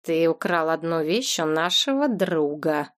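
A stooped, cruel thug speaks low and slow with a creaky, grating edge, as a woman reader puts him on. It is storybook narration, the threat kept quiet and steady. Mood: menacing. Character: stooped menacing man with cruel eyes, grating.

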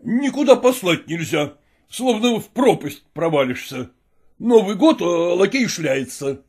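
A woman's voice: fairly low pitch, sing-song, measured pace, slightly rough, pitched below the performer's own voice, full character voice. A woman voicing a furious old nobleman. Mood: grumbling. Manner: blustering, shouting. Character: enraged old male nobleman, bullying master.

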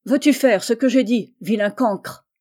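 A woman voicing a menacing, mutinous male fisherman who taunts slowly and shouts, in a story reading. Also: mid-range voice, lightly acted.

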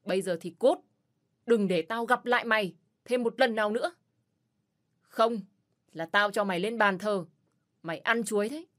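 A woman's voice: mid-range voice, animated, normal speed, long pauses, fairly bright tone. A woman doing a fierce, foul-mouthed rescuer man. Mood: furious. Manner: furious, swearing threats.

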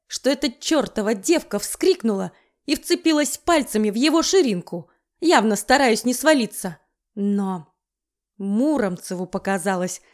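A woman reading a novel aloud in the first person, with wry, lively storytelling. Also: fairly high pitch. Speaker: audiobook narrator.

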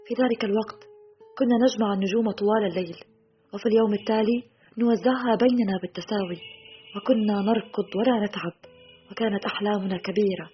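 A woman reading the lines of a weary, sad exiled man in an audiobook, in a quiet, heavy, measured way. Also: medium pitch, natural voice. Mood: wistful. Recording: slightly muffled, soft guitar music behind.

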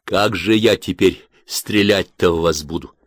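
A man reading a story and voicing a tense, worn-out enemy corporal with a muted, gruff delivery. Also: low-pitched, measured pace, no room sound, clean studio sound. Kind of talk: audiobook character voice.

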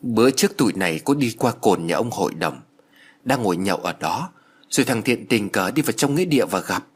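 A man's voice: fairly low pitch, expressive, a little fast, slightly rough. A man voicing a young man who explains what happened, in an audio story. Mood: explaining. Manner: hushed, explaining.

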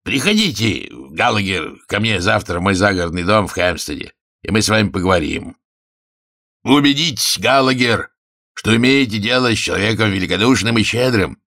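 A man's voice: on the low side, lively intonation, moderate pace, sharp tone, pitched above the performer's own voice. A man voicing a pompous head of a family who declaims grandly. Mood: grandiose.

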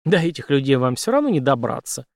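A man's voice: medium pitch, big pitch swings, quick pace, gravelly, darkish tone, no room sound, studio quality. A man voicing a captured male officer who answers in a curt, guarded way.

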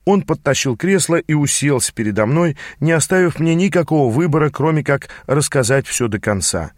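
A man narrating a first-person fantasy audiobook in an even storytelling manner. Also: on the high side, fairly quick, no room sound, clean studio sound.

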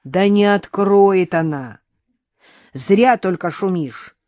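A woman's voice: mid-range voice, takes it slowly, dark tone, no room sound, lightly acted. Woman playing a grumpy old grandpa neighbor, dry wry remarks, close dry recording.

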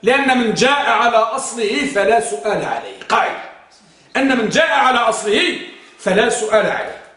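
Echoey, high-voiced male grammar teacher. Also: animated, fairly quick, sharp tone, recorded from a distance. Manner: questions the students and chants grammar verses. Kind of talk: classroom lesson. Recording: very echoey room.

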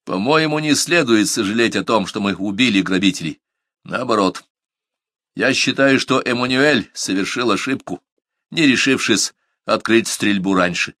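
A man's voice: fairly low pitch, moderate pace, a bit bright, no room sound, close to an everyday voice. A man reading the part of a proud, stubborn young man in an audiobook, speaking in strained, clipped replies. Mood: firm.

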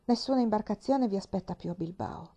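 Stern, measured male bishop, lowered voice, warm tone; a female narrator voices him. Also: husky. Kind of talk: dramatic reading of a novel.

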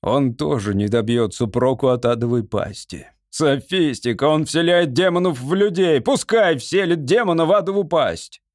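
A man voicing a calm, stubborn male court wizard who flatly refuses, in an audiobook. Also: on the high side, normal speed, few pauses, no room sound, studio quality, lightly acted. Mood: dismissive.

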